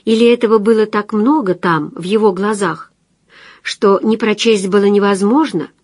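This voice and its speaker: A woman's voice: mid-range voice, steady tone, normal speed, darkish tone, slightly rough, no echo. Woman narrating a story, dry close sound. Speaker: audiobook narrator. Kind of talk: scripted narration.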